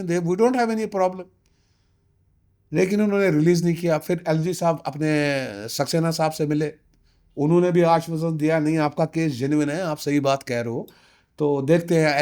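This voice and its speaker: His voice sits on the high side with a darkish tone. About sixty and from Kashmir, India, he speaks as a community representative in an interview, emphatically and insistently, using rhetorical questions and the odd English phrase.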